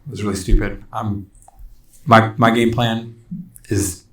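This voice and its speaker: A woman's voice: rumbling low, steady tone, a little slow, fairly bright tone, far from the mic, pitched above the performer's own voice. A nasal, clipped young woman worn down by grief and guilt, as a man puts her on, her voice catching at the edges. She sounds tired and curt in a fantasy game. The voice carries a roomy echo and sits back from the mic. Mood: remorseful. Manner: clipped, voice cracking slightly.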